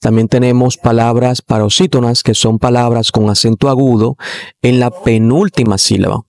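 A man introducing a grammar lesson in a steady, methodical way. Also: mid-range voice, normal speed, gravelly, no room sound, clean studio sound. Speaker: teacher.

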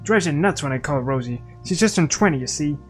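A man doing a gruff, fierce animal mother. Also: fairly high pitch, animated, fast, soft background music, lightly acted. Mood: distraught. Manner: suspicious and hostile.

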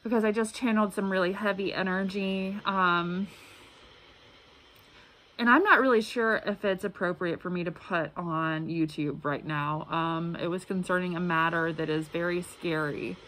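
A woman's voice: fairly low pitch, steady tone, fairly bright tone. Woman muffled through a face mask, background noise. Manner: halting, earnest, repeats words. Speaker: tarot reader. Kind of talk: casual spiritual tarot reading to camera. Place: indoor room at a table. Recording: clearly noisy room recording.

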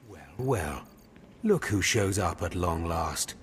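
A man's voice: deep voice, animated, slow, slight background noise. An actor playing a harsh, contemptuous male Sith overseer in a video game, giving cold commands. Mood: cold orders. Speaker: academy overseer.

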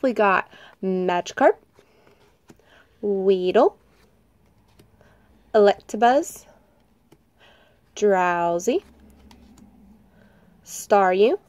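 A woman's voice: mid-range voice, no echo. A woman with a nasal voice, getting over a cold, casually chatting as she opens trading card packs and reads off each card. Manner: reads off cards one by one, light laughs. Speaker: card-opening channel host. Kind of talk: casual chat.

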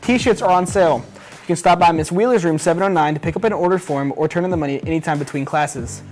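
A man's voice: fairly high pitch, fast, darkish tone. Teenage boy, student news co-host, school announcements, casual, folksy, faint background music. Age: teens. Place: small school video studio, seated at desk.

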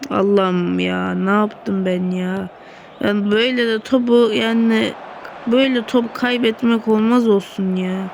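A woman commenting on her own football video game match, excitable and often groaning or shouting at the play. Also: medium pitch, unhurried, vocal fry, slight background noise. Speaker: gaming streamer. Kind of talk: live gameplay commentary.

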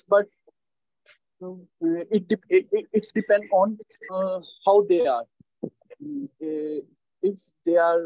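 A Pakistani-accented man with a fairly high, mellow voice gives spoken test answers. He goes slowly and hesitantly, groping through non-native English, in a dry close recording. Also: vocal fry, dry recording, low-quality recording. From Lahore, Pakistan. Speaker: language test candidate.

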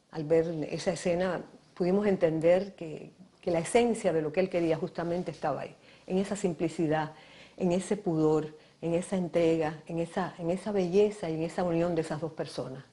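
Woman, actress, interview recollection, thoughtful, dark warm tone. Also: on the low side, normal speed. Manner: thoughtful, searching for words.

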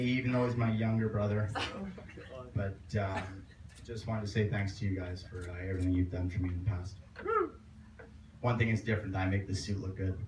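A young man giving a joking, teasing wedding toast as best man, roasting the groom with pauses between lines. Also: lowish voice. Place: outdoor garden tent at a wedding reception. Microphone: distant camera. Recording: roomy, far mic, loud laughing crowd noise. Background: guests laughing, loud ambient noise.

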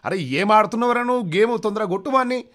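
A man voicing a frantic, excited male spectator who yells and urges. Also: high-pitched, fast talker, background noise, voice pushed up, lightly acted. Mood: yelling excited. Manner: yelling, urging.

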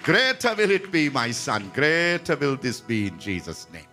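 A man pastor leading a healing service, blessing people with emphatic repetition and now and then breaking into song or shouting. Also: mid-range voice, very animated, normal speed, faint music behind.

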